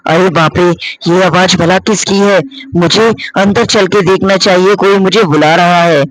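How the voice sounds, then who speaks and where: A man's voice: high voice, steady tone, a little slow, a bit bright, no echo, rough recording. A man doing a frightened young woman. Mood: uneasy. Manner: anxious, exclaiming, questioning. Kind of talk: cartoon story voice acting.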